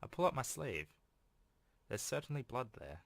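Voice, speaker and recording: A man at medium pitch, with a sing-song, gravelly, fairly bright voice at a moderate pace, reads a visual novel aloud while hosting a gaming video. He's informal, adding offhand asides between passages. The recording is dry, with game music playing behind him.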